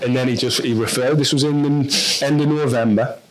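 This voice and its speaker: A man's voice: mid-range voice, steady tone, fairly quick, a crowd in the background. A man with a North East English accent telling a personal story on a podcast in a frank, rambling way, full of restarts and fillers. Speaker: podcast guest.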